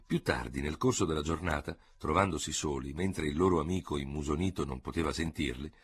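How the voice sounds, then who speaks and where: A man's voice: rumbling low, brisk, breathy edge. A man reading a novel aloud as a radio audiobook narrator, composed and dramatic.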